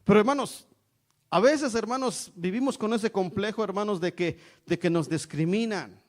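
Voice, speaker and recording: This middle-aged man from Mexico has a voice that sits high and moves at a moderate pace. He is delivering an emphatic evangelical sermon, calling out "hermanos," meaning brothers, again and again.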